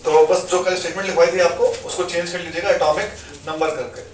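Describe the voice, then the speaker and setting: A man's voice: high voice, steady tone, fast. A man teaching chemistry to a class, quizzing students and chanting memory lines for the elements. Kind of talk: classroom lecture with mnemonics. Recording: echoey room, mic far off, class noise.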